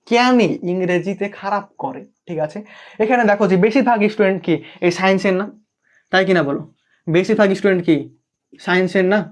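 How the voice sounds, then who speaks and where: A young man with a Bangladeshi Bengali accent teaching a live online English class, checking in with students again and again. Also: sits high. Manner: checks in constantly, asks students to comment. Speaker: English tutor.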